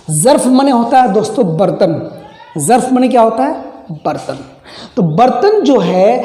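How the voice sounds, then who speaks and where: A teacher giving a grammar lesson at a board, repeating key terms and asking quick questions to check that the class follows. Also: medium pitch, darkish tone. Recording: echoey room with long reverb.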